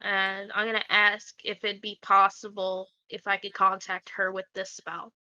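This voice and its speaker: A woman's voice: medium pitch, monotone, normal speed, sharp tone, highs cut off. A woman playing in a tabletop game over a voice call, eager and chatty. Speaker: player. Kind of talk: casual tabletop play.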